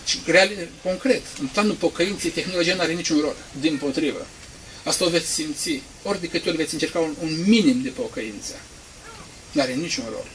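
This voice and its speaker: A male priest preaching a sermon, swinging from quiet asides to loud, emphatic peaks. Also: on the high side, a little hiss or hum, rough recording.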